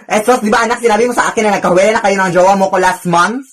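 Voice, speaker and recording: A woman's voice: medium pitch, very fast, natural voice. A woman playing a scheming, nagging mother in a comedy skit, scolding and repeating "anak" over and over. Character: nagging, scheming Filipino mother, middle-aged.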